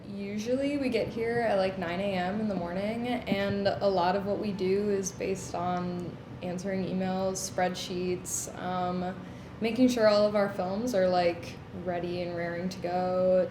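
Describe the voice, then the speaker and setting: A young woman in her mid twenties answers interview questions casually, often easing in with a hesitant um. Her voice echoes off the hard walls. Music runs quietly behind her. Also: mid-range voice, fairly even intonation, unhurried. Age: 20s. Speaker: projectionist. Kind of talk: documentary interview.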